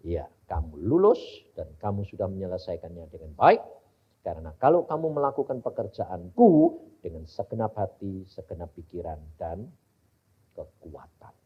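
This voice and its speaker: A preacher voicing the gentle, humble Lord. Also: male voice, low-pitched, very animated, breathy edge, voice pushed down, full character voice. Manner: soft, slow, instructing. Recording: dull lo-fi recording.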